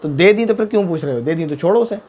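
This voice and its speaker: Fast-talking emphatic male mufti. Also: high voice, expressive, darkish tone. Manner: emphatic, repeats points, asks rhetorical questions. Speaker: mufti answering viewer questions. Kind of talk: religious Q&A talk.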